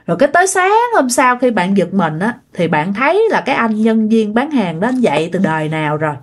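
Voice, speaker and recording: Lively woman storyteller. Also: medium pitch, fairly quick. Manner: lively, repeats phrases for suspense. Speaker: ghost story narrator. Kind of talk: casual spoken storytelling.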